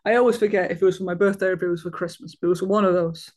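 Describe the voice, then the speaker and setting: Talking very fast in a high, steady voice, a man in his thirties from Wales chats informally as a guest. He rambles, leaning on fillers and often starting over.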